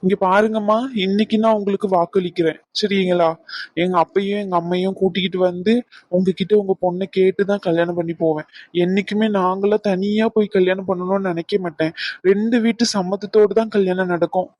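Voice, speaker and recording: A woman's voice: medium pitch, fairly even intonation, brisk, a little mellow, dry recording, close to an everyday voice. A woman voicing an earnest young male doctor in a cartoon, pleading and reassuring.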